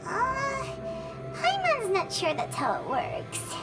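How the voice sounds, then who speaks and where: A woman voicing a tiny, chirpy, blunt childlike fairy companion in an animated video game. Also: slow, heavily acted. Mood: puzzled, blunt. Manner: squeaky, refers to self in third person. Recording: loud music underneath.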